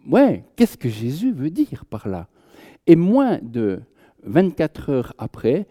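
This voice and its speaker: Guy preaching casually, very warm dark voice, chatty, lots of restarts. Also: on the high side. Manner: conversational, jokes with the audience, many restarts. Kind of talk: informal Bible teaching.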